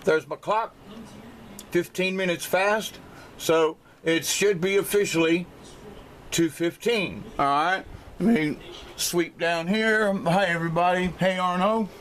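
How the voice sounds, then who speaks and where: This man's voice is high-pitched and fairly bright as he talks casually to his camera at home, sitting by a window. He's an amateur video blogger whose delivery is halting and repetitive, slightly slurred because his mouth is swollen. The sound, picked up by a handheld camera mic, is noisy.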